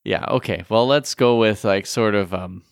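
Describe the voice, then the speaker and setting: A man's voice: on the low side, moderate pace, creaky, clear, resonant tone, no echo, clean studio sound. A man co-hosting a casual podcast, chatting in a rambling way with fillers and restarts. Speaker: podcast co-host. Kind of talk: casual chat.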